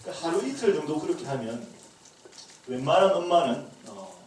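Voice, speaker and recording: A crowd can be heard behind this male pastor, whose fairly high voice is sing-song and a little fast. Teaching a leadership school class, he is funny and performs little dialogue lines, recorded on a distant mic in an echoey room with faint noise.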